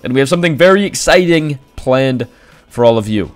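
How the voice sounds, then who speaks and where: A man's voice: medium pitch, expressive, a little fast, no echo, faint music behind. A young man hosting a gaming video, mixing casual chat with narration. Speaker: video creator, host.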